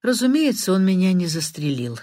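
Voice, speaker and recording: A calm, authoritative middle-aged man with a curt, dismissive manner and a deeper, quieter voice, as a woman reads him in a storybook. The sound is close and dry. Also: measured pace, slightly rough, dry recording, exaggerated voice.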